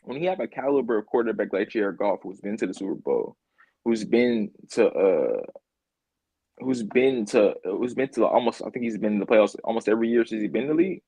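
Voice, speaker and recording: Male podcast co-host, mellow husky low voice, rambling casual sports talk. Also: animated, a little fast, no room sound, poor audio. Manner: rambling, repeats words, laughs easily.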